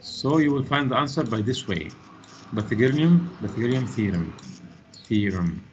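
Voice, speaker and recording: A man's voice: mid-range voice, animated, moderate pace, slight background noise. A man teaching an online physics class over a video call, questioning students and explaining step by step. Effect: heard over a video call. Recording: muffled video-call audio.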